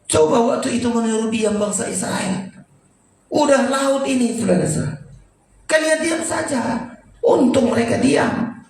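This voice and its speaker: A man preaching a sermon as pastor, with sudden loud high bursts. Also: animated, moderate pace, creaky, recorded from a distance. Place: church. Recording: echoey church hall from afar.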